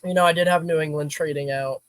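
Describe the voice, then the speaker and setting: A man's voice: a little high, steady tone, quick pace, a bit bright, dry recording. A man co-hosting a casual sports podcast, laid-back, often restarting his phrases. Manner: laid-back, stammers on restarts, says bro. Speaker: podcast co-host.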